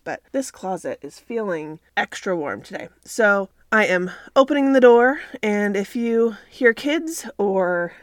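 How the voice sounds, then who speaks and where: A woman with a mid-range voice hosts a casual faith podcast, speaking in an earnest, chatty way. She records inside a home clothes closet on a computer microphone, and the sound is dry and studio quality.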